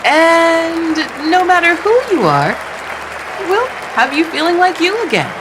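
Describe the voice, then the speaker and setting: Animated American ad voice. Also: very high-pitched, unhurried, crowd noise, background noise. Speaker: advert voice-over. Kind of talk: scripted radio ad read.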